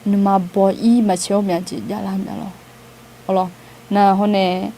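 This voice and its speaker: A woman's voice: mid-range voice, level tone, measured pace, mellow, a little hiss or hum. A woman giving an informal, conversational outreach talk to a group, with frequent hesitation sounds and light laughter. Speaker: outreach speaker.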